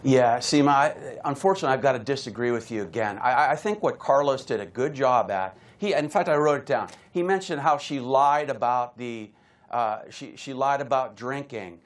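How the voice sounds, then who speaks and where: A man's voice: medium pitch, moderate pace. A man speaking as a courtroom lawyer in live legal commentary, arguing point by point and repeating words for emphasis. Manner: emphatic repetition of words and phrases. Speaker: criminal defense attorney giving legal analysis.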